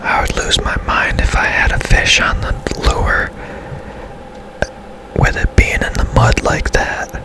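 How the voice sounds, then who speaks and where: Throughout, a man whispers in a hushed, breathy voice, giving casual ASMR-style commentary as a gaming streamer. He takes his time, with slow, long, easy pacing, and the recording is rough.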